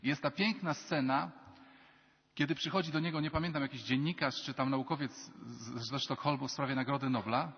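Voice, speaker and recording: A male priest giving a lively sermon in a large basilica. He acts out dialogue with shifting voices. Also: medium pitch, brisk, breathy edge. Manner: animated, acts out quoted dialogue in changing voices. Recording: long basilica reverb, dull lo-fi sound.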